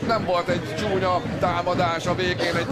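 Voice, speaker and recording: A man giving excited, exclamatory live football commentary that swells into shouting at big moments. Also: high-pitched. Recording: loud crowd and stadium noise behind. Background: noisy crowd at a football match.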